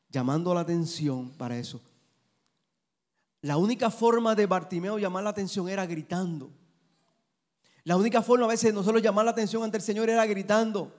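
A male pastor preaching a sermon, building to fervent, loud passages. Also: high-pitched.

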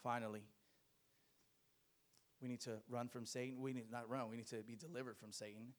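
A man's voice: mid-range voice, little pitch movement, brisk. A man preaching a sermon to a congregation, exhorting them emphatically with rhetorical questions and repeated phrases.

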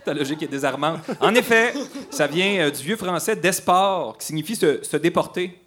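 A man's voice: fairly high pitch, animated, moderate pace, a bit bright. A man with a Quebec French accent hosting a playful quiz on air, teasing and laughing between questions. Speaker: radio quiz host.

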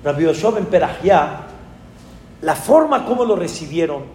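A man with a Mexican accent, a rabbi telling a story in a sermon with animated, dramatic exclamations. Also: on the high side, normal speed, reverberant, in a large hall, a little hiss or hum.

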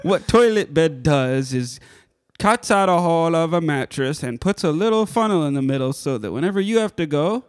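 A man's voice: fairly high pitch, animated, normal speed, few pauses, smooth. A man co-hosting a comedy podcast, riffing casually and often laughing mid-line. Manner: giggly, laughs through his lines. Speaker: podcast co-host.

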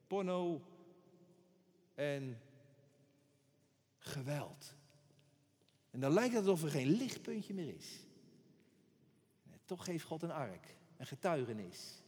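A man's voice: on the high side, very animated, takes it slowly, long pauses, darkish tone, big-room sound. A man preaching a sermon with emphasis, repeating words for effect.

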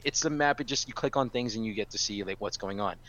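A man co-hosts a casual podcast and tells his stories with animated energy and a lot of swearing. His voice is low-set and sharp, with a bright, tense edge. The audio sounds dull and lo-fi. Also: fast. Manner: animated storyteller, swears freely. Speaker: podcast co-host.

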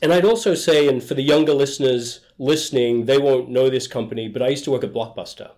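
A middle-aged man with an Australian accent talks through his background as an interview guest. He speaks in a relaxed, enthusiastic way, with a voice of middling pitch. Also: fast. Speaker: guest, HR executive. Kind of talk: conversational interview.

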